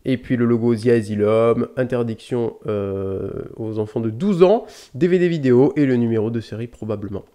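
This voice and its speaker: A man's voice: medium pitch, moderate pace, hardly any pauses, dark tone. Chatty, rambling man. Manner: rambling, chatty, swears casually, self-corrects often. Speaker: YouTube DVD collector host. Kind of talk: casual unboxing vlog. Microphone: desk mic close up.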